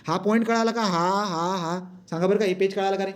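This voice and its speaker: Quick, high-voiced male physics teacher. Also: steady tone. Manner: asks pupils frequent check questions; mixes English textbook lines into Marathi. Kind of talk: classroom lecture.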